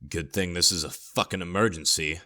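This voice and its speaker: A man voicing a gruff male outlaw who talks low and quick to calm his crew.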